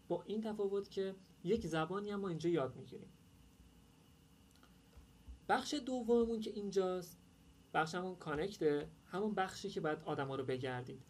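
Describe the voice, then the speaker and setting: A man's voice: high voice, a little mellow, a little hiss or hum. A man presenting an online workshop, explaining an app in a casual, chatty way with many hesitations. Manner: informal, chatty, many "uh" fillers. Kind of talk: casual screen-share tutorial.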